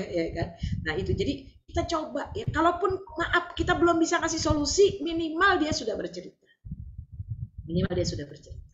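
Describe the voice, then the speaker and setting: An older woman teaching a religious study group, animated and often asking her listeners to agree. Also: mid-range voice, roomy sound, dull audio, a little hiss or hum.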